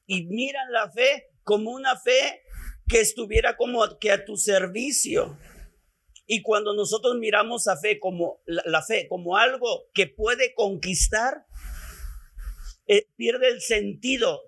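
Mexican male preacher, high bright voice, slow measured teaching delivery, repeats for emphasis. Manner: teaching, repeats phrases, calls listeners "beloved". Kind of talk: sermon.

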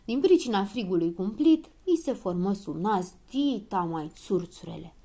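A woman narrating a children's story in a lively, expressive reading. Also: medium pitch.

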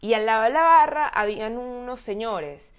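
Animated young Venezuelan woman, high voice. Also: normal speed, clear, resonant tone, dull audio. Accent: Venezuelan Spanish. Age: 20s. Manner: animated, exasperated, swears freely. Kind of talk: casual chat, storytelling.

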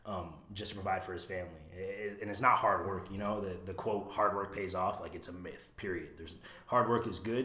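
A man's voice: low voice, bright, forceful tone, reverberant. A young man from Iowa sharing his family story as a podcast guest, earnest and reflective, with many restarts. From USA, raised in Iowa. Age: young adult. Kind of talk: casual storytelling.

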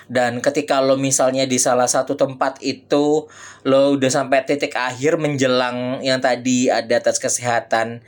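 A man co-hosting a casual podcast. He gives career advice in a relaxed way, mixing slang with English words. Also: medium pitch, normal speed. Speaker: podcast co-host.

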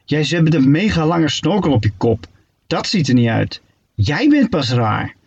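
A man voicing an excitable young female shark in a storybook reading, squealing with breathless excitement. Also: fairly high pitch, moderate pace, creaky, husky, full character voice. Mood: scornful. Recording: dull lo-fi recording.

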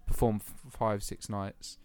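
A man's voice: fairly low pitch, flat delivery, unhurried, a little mellow, clear, resonant tone, no echo. A young man from England, chatting casually on a podcast, laughing easily and using plenty of fillers. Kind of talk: casual chat.

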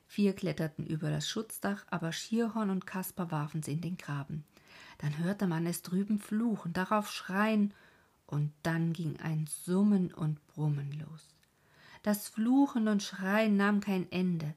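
Woman audiobook narrator, low husky voice, keeps going into a whisper. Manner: hushed, often half-whispered storytelling. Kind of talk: audiobook narration of a historical novel.

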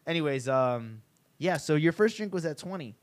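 A man in casual podcast chat, telling stories with lots of swearing and sudden high-pitched outbursts. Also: normal speed. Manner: animated storyteller, swears freely, jumps to high-pitched outbursts.

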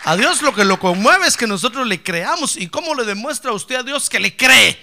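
A male pastor preaching a sermon, emphatic and repetitive, swinging from hushed asides to loud cries. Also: very high voice, lively intonation, normal speed, gravelly, noisy background.

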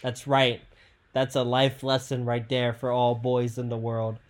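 A young woman hosting a joking podcast chat, loud and bossy, laughing often. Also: very deep voice, monotone, a little slow, a little hiss or hum. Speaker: podcast host.

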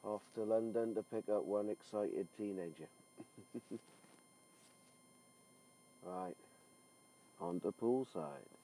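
A middle-aged swimming coach records an informal podcast diary of his working day while on the move, in the car, outdoors and poolside. His voice is fairly low, slow and warm, with frequent pauses, and the low-quality recording picks up travel and outdoor noise.

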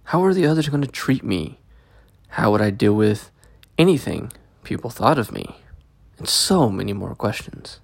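A man narrating a scripted first-person story as a host, with a gravelly, creaky voice, close to the microphone. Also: lowish voice, big pitch swings, normal speed, no echo. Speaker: host and story reader of a podcast.

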